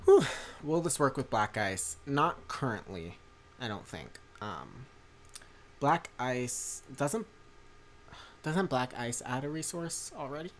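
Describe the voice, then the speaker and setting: A man's voice: medium pitch, lively intonation, slow, a little hiss or hum. A young man livestreaming a strategy game, chatting in a rambling way with many fillers and restarts while reading chat. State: tired from a long day. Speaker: streamer and mod maker. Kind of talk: casual livestream commentary.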